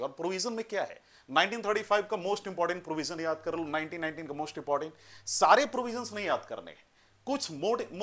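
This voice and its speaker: The speaker is a male exam-prep instructor who walks through material step by step in a directive style. He blends English terms into Hindi and repeatedly uses "है ना" and "you know," in a voice that is a little high and a bit bright.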